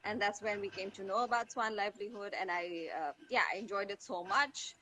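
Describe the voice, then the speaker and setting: Over a low-quality online call with faint background noise, a Tanzanian woman who teaches and advocates for mental health speaks as an interview guest. Her mid-range voice is brisk, pushed, and bright. She talks conversationally, reaching for words and repeating phrases for emphasis.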